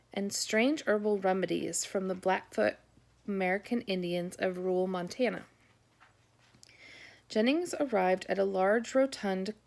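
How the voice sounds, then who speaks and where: A woman narrating an audiobook chapter in a steady, descriptive reading manner. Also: mid-range voice, gravelly.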